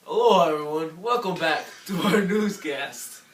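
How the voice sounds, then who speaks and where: A man's voice: a little high, measured pace, heavy background noise. A man co-anchoring a mock newscast for a school project with casual, slangy asides, recorded far from the mic in an echoey room.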